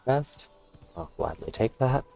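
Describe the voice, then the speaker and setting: A man's voice: mid-range voice, animated, unhurried, gravelly, warm tone. A man giving casual, rambling, musing commentary as he plays a video game. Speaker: gamer, let's play host. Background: faint game music.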